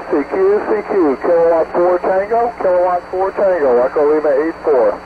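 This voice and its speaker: A high-voiced man runs ham radio contacts over shortwave, his words squeezed thin and phone-like by the signal. He speaks in brisk, procedural bursts of phonetic letters and repeats himself often. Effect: shortwave radio transmission. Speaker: amateur radio operator running contacts. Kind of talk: clipped radio call exchanges with phonetic letters. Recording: noisy, narrow-band shortwave radio signal.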